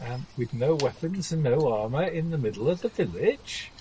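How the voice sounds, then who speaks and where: A man's voice: on the high side, lively intonation, moderate pace, noisy background. A man in casual chat as a player, joking.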